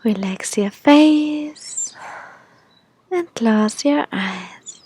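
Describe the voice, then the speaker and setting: A woman leading a guided meditation in an airy, breathy, soothing manner, like a spiritual healer. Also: fairly high pitch, lively intonation, drawn-out words, a little mellow.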